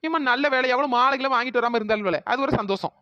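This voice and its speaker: A woman's voice: on the high side, very fast, sharp tone, dry recording, lo-fi sound. A woman voicing a lazy, cheeky village woman in a cartoon, speaking in a with an easy, teasing manner. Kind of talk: cartoon voice acting.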